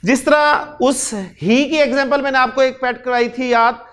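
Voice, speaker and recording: A man from Pakistan teaching Arabic grammar in a lecture, explaining step by step, slowing down to spell out Arabic words and answering his own questions. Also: very high-pitched, fairly even intonation, fairly bright tone, clean tone. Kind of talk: classroom lecture.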